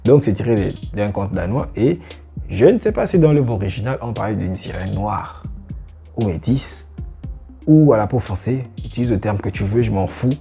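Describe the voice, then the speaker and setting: A young YouTube reaction host shares his opinion in a casual vlog, talking straight to viewers conversationally with lots of fillers. His lowish voice is gravelly and dark, with lively intonation at normal speed over soft background music.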